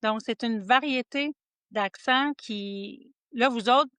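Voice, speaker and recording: A woman from Quebec with a Quebec French accent, co-hosting a podcast in casual chat, often restarting and trailing off into quieter asides. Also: fairly high pitch, slow pace, smooth, no echo. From Quebec, Estrie region. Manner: chatty, many restarts, drops to quiet asides. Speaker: podcast co-host. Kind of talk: casual conversation.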